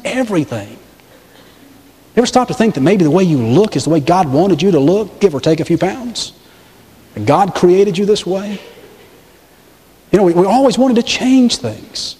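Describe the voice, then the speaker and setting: A middle-aged man from the American South preaching a sermon as pastor, animated and acting out the voices he quotes. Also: long reverb tail. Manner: animated, acts out quoted voices with pitch swings.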